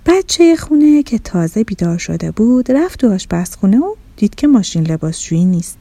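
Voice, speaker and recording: A woman narrating a children's story in an expressive, animated storytelling manner, recorded close on a studio mic. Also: mid-range voice, dry recording.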